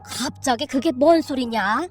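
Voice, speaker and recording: A woman voicing a stern, bossy old grandmother who drawls commands in a rough tongue, read as a storybook. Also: high-pitched, measured pace, faint music behind, pitched below the performer's own voice. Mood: stern coaching.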